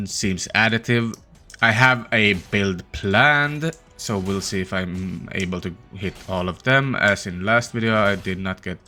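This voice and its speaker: A man hosting a gaming channel, giving casual, tired, low-energy commentary as he thinks aloud while playing. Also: pushed and bright. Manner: opens with a put-on peppy intro voice.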